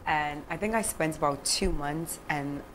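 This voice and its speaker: A young Ghanaian filmmaker, seated on a sofa on a studio set, talks easily as an interview guest, laughing often between thoughts and gesturing animatedly with her hands. Her voice sits low at a measured pace, and the recording is very noisy.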